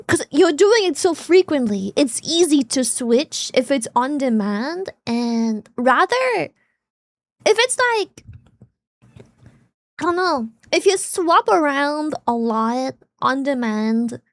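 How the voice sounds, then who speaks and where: Young woman. Chatty streamer, loose and rambling. High pitch, dry mic. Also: sing-song, slow pace, dry recording. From Germany. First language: German. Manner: rambling, chatty, lots of "like" fillers. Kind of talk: casual chat with viewers.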